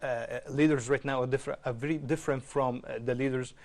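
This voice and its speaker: A young man from Egypt, a guest on a studio panel, speaks haltingly with frequent fillers. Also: mid-range voice, steady tone. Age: young adult. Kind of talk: panel discussion. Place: television studio.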